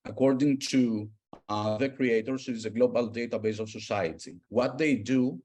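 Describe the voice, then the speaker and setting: A man from Greece, presenting a data tool in an online workshop, explaining step by step with many pauses and fillers. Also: mid-range voice, fairly even intonation, a little mellow. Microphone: video call.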